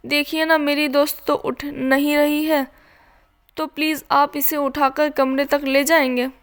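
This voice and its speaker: A mischievous younger sister who coaxes and teases, as a woman narrator voices her. The voice sits high with little rise and fall. It is read slowly. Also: flat delivery, a bit bright. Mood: teasing. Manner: coaxing, teasing. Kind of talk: storybook reading.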